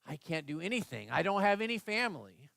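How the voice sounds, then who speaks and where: A small, lonely bunny with a lifted, high voice, put on by a man telling a story. He speaks in a hopeful, gentle way that turns forlorn. The sound is dry and close. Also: very animated, fairly quick, creaky, no room sound, full character voice.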